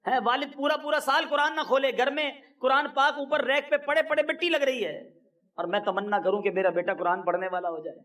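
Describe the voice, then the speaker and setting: A man's voice: very high voice, fairly bright tone. A man delivering an impassioned, emphatic sermon as a preacher, his voice rising sharply on key points.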